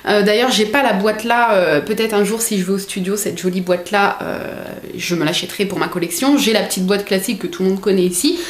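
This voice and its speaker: A young woman chatting as a book vlogger, excitable and full of fillers. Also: medium pitch, a little fast, few pauses. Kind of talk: casual unboxing chat. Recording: echoey room.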